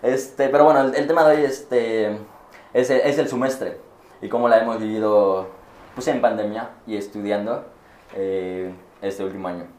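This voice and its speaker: A man's voice: fairly low pitch, fairly even intonation, moderate pace, a little mellow, reverberant. A young man, a university student, chatting casually and hesitantly with lots of fillers and restarts. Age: young adult. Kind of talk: casual chat.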